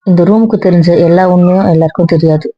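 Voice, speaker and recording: ஒரு பெண் நடிகை, தன்னை நியாயப்படுத்திப் பிடிவாதமாகப் பேசும் மனம் உடைந்த இளம் பெண்ணாக நடிக்கிறார். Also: female voice, lowish voice, quick pace, no echo, soft background music, natural voice. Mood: emotional. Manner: emotional, insistent, repetitive. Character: hurt young woman defending her refuge. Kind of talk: web serial monologue. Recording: dry dull lo-fi sound.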